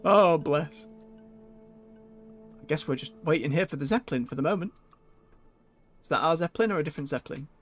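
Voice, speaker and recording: A man's voice: a little high, a little fast, long pauses, fairly bright tone, soft background music. A man giving casual gameplay commentary as a streamer, chatty and muttering to himself as he goes. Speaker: video game streamer.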